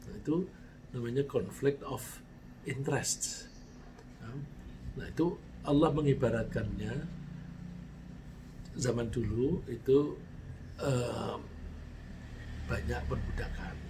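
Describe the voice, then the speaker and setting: A man's voice: medium pitch, takes it slowly, pauses often. A man preaching a sermon. He explains his points with everyday examples, lets his voice rise for emphasis and then fall away, and recites Arabic verses before translating them. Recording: faint background noise.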